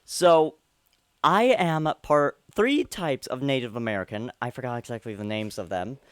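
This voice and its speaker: Dude co-hosting a podcast, bouncy voice that jumps all over, playful and kinda halting, dry sound. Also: male voice, medium pitch, expressive, clear, resonant tone, dry recording. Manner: playful, halting, laughs often. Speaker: podcast co-host. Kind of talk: casual podcast chat.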